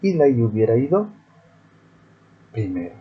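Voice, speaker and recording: A man's voice: medium pitch, big pitch swings, unhurried, phone-quality sound. A male teacher giving a screen-recorded programming lesson, explaining methodically step by step.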